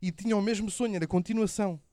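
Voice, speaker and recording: A man telling stories in casual banter, animated, slangy and full of swearing. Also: high voice, very fast, no room sound, clean studio sound. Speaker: podcast host.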